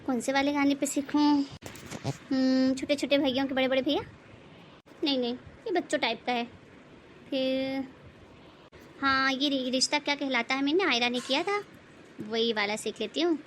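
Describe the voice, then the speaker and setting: A tired young daughter-in-law speaks softly in a high voice, voiced by a woman, pouring out her complaints about endless chores. Her tone stays gentle and plaintive in this animated moral story. Faint room noise hums underneath. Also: normal speed, long pauses. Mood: hopeful.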